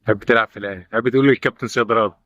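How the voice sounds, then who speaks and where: Brisk fast-talking Egyptian man interviewer. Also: mid-range voice, steady tone, no echo, muffled recording. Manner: brisk, repeats answers back. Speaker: interviewer at a youth football academy. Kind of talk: rapid-fire question interview.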